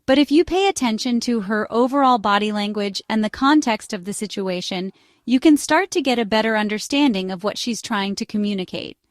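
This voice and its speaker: A woman's voice: medium pitch, expressive, brisk, no echo, clean studio sound. A woman narrating scripted relationship advice, chatty and speaking straight to the listener. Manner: chatty, direct address to the listener.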